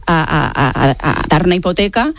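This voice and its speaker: A woman in her late forties from Mallorca, Spain, speaks with a Spanish accent as an author being interviewed. She explains things reflectively, often adding tag questions, in a low, expressive voice at a moderate pace with no room sound.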